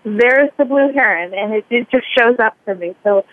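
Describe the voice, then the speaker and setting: A woman's voice: on the high side, moderate pace, dry recording. Woman caller over a tinny phone line. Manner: hesitant, restarts and repeats words. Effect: thin clipped phone line. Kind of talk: casual call-in chat.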